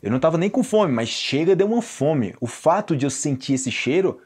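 A man's voice: on the high side, brisk, husky. A young Brazilian man teaching Portuguese phrases, acting out the examples as he explains them. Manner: lively, acts out example phrases with shifting voices. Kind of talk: language lesson, explaining phrases.

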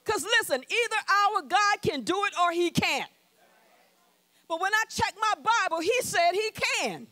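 A woman's voice: very high voice, animated, measured pace, sharp tone, dry recording. A woman pastor preaching a sermon in a bold call-and-response manner to her congregation. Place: church sanctuary.

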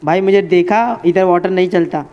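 A man's voice: high-pitched, normal speed, dull audio. A man streaming a game live, chatting casually with his viewers and friends. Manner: chatty, addresses chat and friends as bhai.

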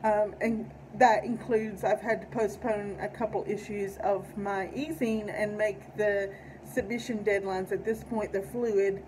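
A woman's voice: medium pitch, fairly even intonation, measured pace, darkish tone, a little hiss or hum, rough recording. A middle-aged woman with an Appalachian accent talking casually to camera, enunciating with care. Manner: careful enunciation. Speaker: video channel host and poet. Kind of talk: casual vlog talk. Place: indoor room at home.

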